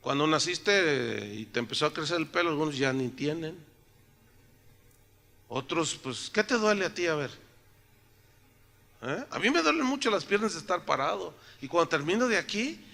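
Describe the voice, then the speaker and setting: A man's voice: a little high, gravelly, pushed and bright. A man preaching a sermon to a church congregation, joking with them and tossing out rhetorical questions. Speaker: pastor.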